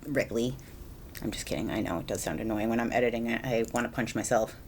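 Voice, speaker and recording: This Massachusetts woman, a young adult beauty vlogger, talks quickly in a bass voice while doing her makeup, with slight background noise behind her. It's a casual get-ready-with-me ramble packed with ums and likes.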